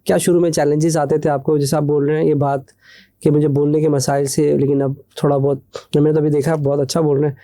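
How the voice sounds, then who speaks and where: A young man hosting a podcast, asking questions in a quick, hurried way. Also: a little high, flat delivery, warm tone. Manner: talks fast, hurried. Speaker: podcast host. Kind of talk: podcast interview.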